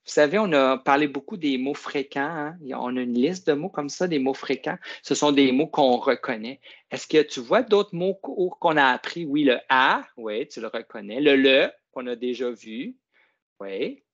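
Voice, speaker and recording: A middle-aged man, giving a classroom reading demonstration in a coaxing, slow teacher voice that stretches key words. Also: medium pitch, lo-fi sound. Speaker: teacher trainer.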